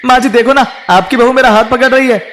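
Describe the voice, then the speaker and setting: A man's voice: very high-pitched, fast, fairly bright tone, a little hiss or hum. A man voicing a sleazy young milkman with an oily, mocking way of talking.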